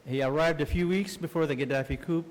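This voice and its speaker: A man's voice: on the high side, fast talker. A man moderating a conference panel, talking informally with many fillers as he introduces speakers. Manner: informal, with frequent fillers, directing people around. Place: conference hall.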